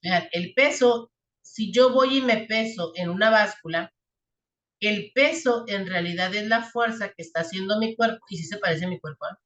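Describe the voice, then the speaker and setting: In an echoey room, a woman teaches a math and physics class step by step at normal speed, her mid-range voice fairly bright. She keeps checking in with quick questions.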